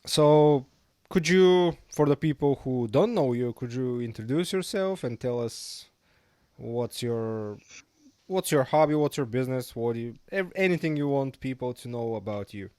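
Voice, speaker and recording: A man's voice: mid-range voice, animated, normal speed, dark tone, dry recording. A man interviewing a podcast guest in a casual, reassuring, informal way.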